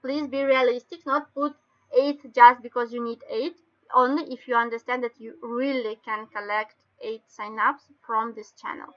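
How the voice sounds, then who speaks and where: A woman with a Russian accent explains things step by step in halting non-native English, like an informal online training session. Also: on the high side, fairly even intonation. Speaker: webinar presenter. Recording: dull lo-fi webinar call audio.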